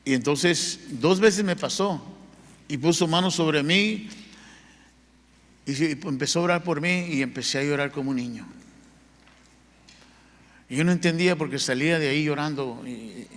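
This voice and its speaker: A man's voice: fairly high pitch, normal speed, long pauses, fairly bright tone. Earnest male pastor in a reverberant church. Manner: personal testimony, earnest and conversational. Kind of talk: sermon. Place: church sanctuary. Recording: long church hall reverb.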